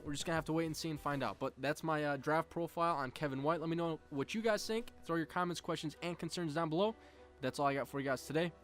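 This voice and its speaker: A man's voice: on the high side, fairly bright tone. A young man hosting a football draft show, giving a casual scouting breakdown with frequent fillers and restarts. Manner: many fillers and restarts, conversational. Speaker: football draft analyst host.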